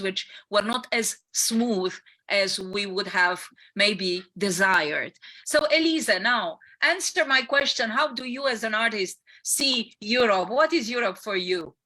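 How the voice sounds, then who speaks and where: A woman moderating a panel discussion, talking haltingly with many fillers. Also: mid-range voice, bright, forceful tone.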